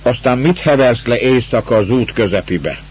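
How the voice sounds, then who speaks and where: A man's voice: medium pitch, darkish tone, breathy edge, pitched above the performer's own voice, natural voice. A man voicing a blunt, impatient landowner who barks and scolds, on a dull, lo-fi recording. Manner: barking, scolding orders. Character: gruff older male landowner, impatient, blunt. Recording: dull lo-fi recording, faint hiss.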